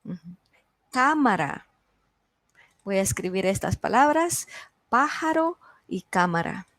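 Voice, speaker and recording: A woman teaching a beginners' class online, sounding out each word slowly and clearly for her students. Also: medium pitch, very animated, no echo. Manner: slow, carefully enunciated word drills. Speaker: Spanish teacher.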